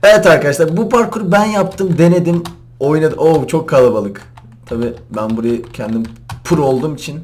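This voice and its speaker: A young man doing casual gaming commentary, excitable, often laughing and shouting as he plays. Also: fairly high pitch, a little fast, slight background noise. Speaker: gaming YouTuber. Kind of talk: casual Minecraft parkour commentary.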